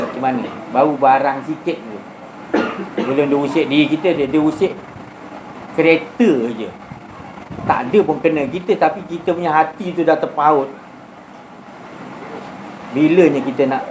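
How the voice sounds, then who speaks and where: A man's voice: a little high, fairly even intonation, moderate pace, long pauses. A man with a Malaysian Malay accent, a religious teacher preaching in a conversational style, asking his listeners rhetorical questions. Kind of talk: sermon. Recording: noisy recording.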